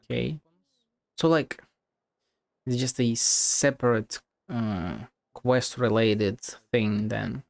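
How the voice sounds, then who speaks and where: A game streamer with a mid-range, creaky voice offers slow, casual, blunt commentary on his gameplay, with no echo. He mutters to himself, swears, and reads game text aloud as game music plays behind him.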